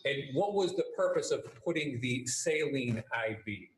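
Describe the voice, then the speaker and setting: A man questioning a witness as an attorney, measured and methodical, heard in a courtroom recording. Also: medium pitch, animated, reverberant, rough recording. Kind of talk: courtroom examination.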